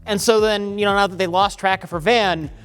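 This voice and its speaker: A man's voice: high voice, steady tone, brisk, a bit bright, smooth, faint music behind. A man casually and comically explaining a film's plot on a panel. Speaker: show panelist. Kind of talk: casual comic film discussion. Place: indoor studio panel.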